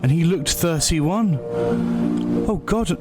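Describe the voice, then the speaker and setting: A brash, easily alarmed man in a comedy sketch, played by an actor. His delivery is teasing and exclamatory, with big swings in a slightly high pitch. Music plays behind him. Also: expressive, slow pace. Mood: nervous. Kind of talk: comedy sketch acting, talking to a companion.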